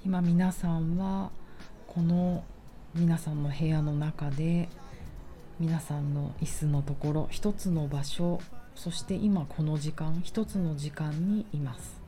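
Low, mellow woman guiding relaxation over music. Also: steady tone. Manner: slow, pausing, soothing delivery. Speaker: relaxation exercise guide. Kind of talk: guided grounding meditation, gentle instruction.

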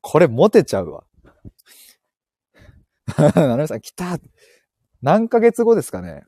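A man's voice: on the high side, wildly swooping pitch, a little slow, warm tone, no room sound, studio quality. A man hosting a casual live stream, reading listener comments and joking with frequent laughter while he walks outdoors, speaking into an earphone mic. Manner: playful, laughs often, joking. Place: outdoors, walking.

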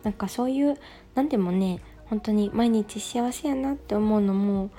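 A young woman hosting a casual solo radio talk, reading listener messages in a soft, gentle way with delighted thanks. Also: mid-range voice, moderate pace, faint music behind. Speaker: radio show host.

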